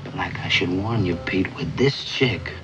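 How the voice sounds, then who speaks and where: A middle-aged American actor playing a self-important, laid-back beatnik club owner who jive-talks in rambling hipster slang in a 1950s TV drama. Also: male voice, sits low, unhurried. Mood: confiding. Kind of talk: 1950s television drama acting. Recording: dull vintage TV soundtrack, music behind.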